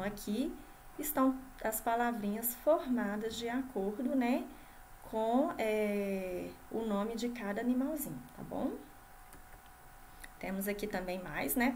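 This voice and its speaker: With a little hiss or hum in the audio, a Brazilian woman with a medium-pitched voice and Brazilian Portuguese accent teaches first graders by video. As a primary school teacher, she uses sing-song, drawn-out syllables meant for children and frequently asks the class checking questions.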